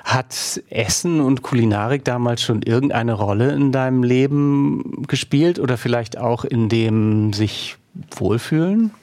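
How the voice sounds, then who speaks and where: A man hosting an interview, talking in a halting way with many fillers and self-mocking asides. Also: mid-range voice, darkish tone, no echo. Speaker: podcast host. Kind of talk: conversational interview.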